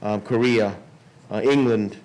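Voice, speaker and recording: This conference speaker, a man in his sixties from Miami, United States, delivers an informal public speech with frequent repeated words and restarts. His voice is on the low side and darkish, with a steady tone and a slightly slow pace.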